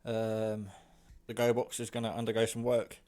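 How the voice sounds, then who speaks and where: A British hobbyist, unscripted and rambling, shows viewers the radio he built while standing in his kitchen, swearing mildly now and then. He speaks at normal speed in a fairly low, slightly mellow monotone.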